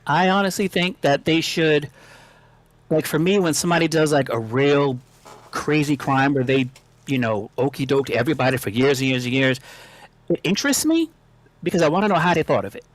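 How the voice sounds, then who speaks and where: A man on a casual panel, his voice pitched a little high and recorded dry and close. He tells stories in a rambling, amused way. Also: animated, brisk, no echo. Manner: rambling storyteller, chuckling.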